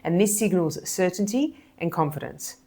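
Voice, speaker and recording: A woman hypnotist and body language coach explaining speaking techniques in a measured, deliberate, emphatic way. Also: on the low side, expressive, vocal fry, warm tone. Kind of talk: explanatory video lesson.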